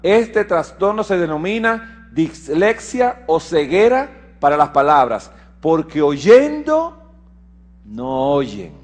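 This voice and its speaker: A man's voice: big pitch swings, takes it slowly. Man preaching a lecture-style sermon. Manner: explanatory, asks listeners if they follow; shifts between emphatic raised passages and low quiet asides. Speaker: preacher and physician. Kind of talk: sermon mixed with a medical lecture.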